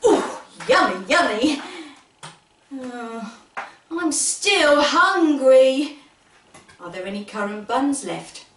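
A woman's voice: sits high, animated, takes it slowly, long pauses, a bit bright, slight background noise. A woman, middle-aged, hosting a kids show in an exaggerated, playful manner, telling stories and singing along while speaking straight to young children. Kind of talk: kids show host storytelling and sing-along. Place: living room with wooden floor. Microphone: camera a few metres away. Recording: roomy, distant mic, music behind.

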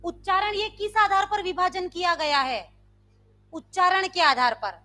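A female Sanskrit teacher from India, with a very high-pitched and unhurried voice, leads a live grammar class online. She quizzes the students through repeated questions and demonstrates loud versus soft sounds.

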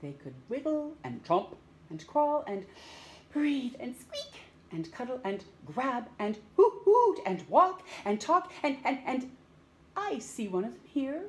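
A middle-aged woman reads aloud from a picture book for young children, acting as storytime host in a small room at home. Her high voice moves slowly with big rises and falls, and she draws out words dramatically and asks the kids questions.

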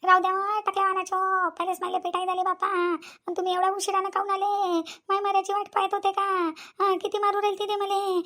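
A woman's voice: very high-pitched, completely flat delivery, pushed and bright. A woman voicing a bruised village auntie in a cartoon who groans, whines and vows revenge. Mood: groaning. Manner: slow, groaning complaints. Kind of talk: cartoon voice acting.

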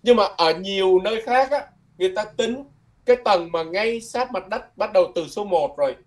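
A man teaching a language lesson, patiently repeating words slowly and ending his phrases with soft tags. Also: high-pitched. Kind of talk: lesson explained from a textbook.

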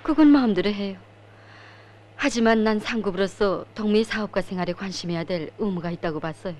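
A woman's voice: medium pitch, fairly quick, darkish tone, slight background noise, close to an everyday voice. An actress with a North Korean accent playing a courteous, businesslike middle-aged woman official in a film drama. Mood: earnest. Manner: polite, businesslike. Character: composed, courteous woman official, a deputy director.

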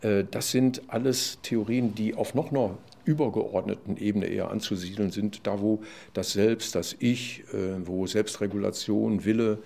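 An older man, a psychology professor, explaining at length in an interview, with many fillers and restarts and a louder voice when he quotes others. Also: on the low side, moderate pace, vocal fry, hardly any pauses. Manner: animated, loud when quoting others. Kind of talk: conversational explanation.

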